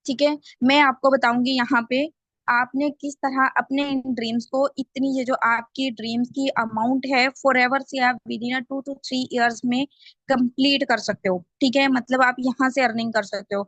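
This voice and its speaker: A woman leads a sales team training over a video call, laying things out step by step. Her voice sits a little high, and the sound is dry and close. She keeps checking in with her listeners as she goes. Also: steady tone, normal speed, a bit bright, no echo. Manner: explains step by step, checks in with the group often.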